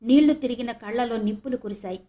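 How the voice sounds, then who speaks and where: Brief: woman from Andhra Pradesh, audiobook narrator, steady clear delivery, slightly high voice. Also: quick pace. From Andhra Pradesh, India.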